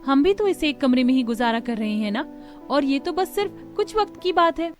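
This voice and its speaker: A woman's voice: sits high, lively intonation, fairly quick, soft background music. A woman voicing a kind, patient mother-in-law in a cartoon story, speaking in a coaxing, reasonable way.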